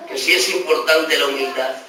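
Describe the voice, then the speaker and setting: A man from Extremadura preaching a fiery sermon with a Spain Spanish accent, swinging between shouts and hushed low tones, heard on an old cassette dictaphone recording. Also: moderate pace, slight background noise. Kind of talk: Pentecostal-style sermon. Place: large church hall. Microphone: handheld dictaphone in the congregation. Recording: echoey hall taped from far off with music. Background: music and congregation responses.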